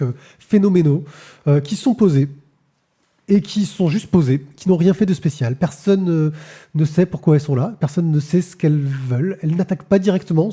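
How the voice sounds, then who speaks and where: Man, podcast host, halting casual talk, very dark tone, slightly high pitch. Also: breathy edge. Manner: halting, many fillers and repeated words. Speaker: podcast host reviewing comics. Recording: live-streamed podcast.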